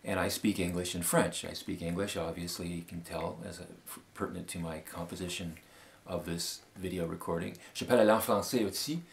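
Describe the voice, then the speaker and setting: A Canadian man in his fifties giving a formal, measured appeal statement with many pauses and fillers. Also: low-pitched, steady tone, creaky. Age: 50s. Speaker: law school applicant.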